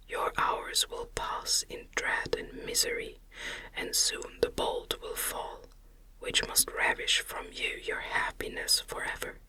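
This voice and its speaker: Through a smothered, breathy ASMR whisper, a narrator portrays a wretched male monster bent on vengeance from a gothic tale. The speech is menacing, archaic and grandiose, carried in a bright, forceful tone.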